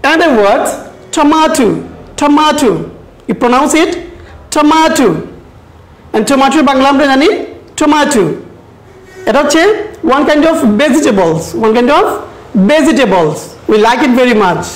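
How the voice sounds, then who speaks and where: A woman teacher with a Bangladeshi accent, leading a recorded English lesson for children, repeating each word slowly and switching between English and Bengali. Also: sits high, lively intonation, roomy sound, poor audio. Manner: slow, repeats words, mixes English and Bengali. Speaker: primary school English teacher.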